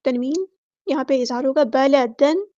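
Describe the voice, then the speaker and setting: Word by word, a high-voiced tajweed teacher with an Urdu accent covers Quran recitation rules. Each rule is explained fast, and then the words are recited slowly and loudly. The recording is dry, with the highs cut off.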